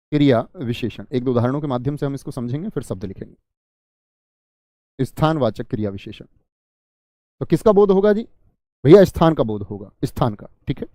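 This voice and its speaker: In an online class, a man teaches Hindi grammar, posing questions to students, answering them himself and repeating key words. His voice is fairly high-pitched and mellow, recorded with clean studio sound and no room sound.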